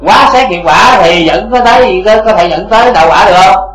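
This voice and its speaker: A man's voice: sits high, a little fast, fairly bright tone, roomy sound, poor audio. A man teaching Buddhist dharma to a congregation, asking rhetorical questions again and again.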